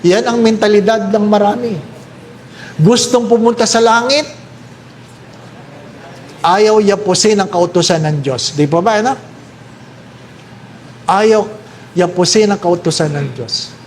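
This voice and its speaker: Here a Filipino man who is a priest narrates with lively, slow delivery and a high-pitched voice, putting on squeaky voices for each character. There's a slight background hiss.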